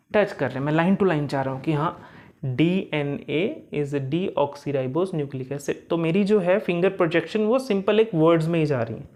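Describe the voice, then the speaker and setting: A male teacher giving a study-tips lesson. He asks questions and answers them himself, often checks in with "okay", and says sample lines slowly, word by word. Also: fairly high pitch, darkish tone.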